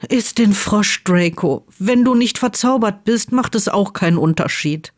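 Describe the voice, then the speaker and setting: An earnest, troubled young wizard who speaks in a quiet, insistent way and sometimes pleads, read by a woman in her own natural voice. The tone is mid-pitched and plain, as in a storybook read aloud. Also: lively intonation, measured pace, lightly acted. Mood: firm.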